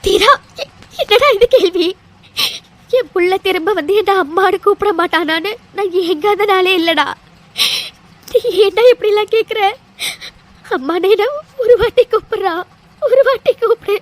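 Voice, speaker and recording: A tearful cartoon mother who pleads with her grown son, as a woman voices her. The voice sits very high and breaks into weeping as she begs. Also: moderate pace. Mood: tearful longing. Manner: pleading, weepy. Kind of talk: cartoon voice acting.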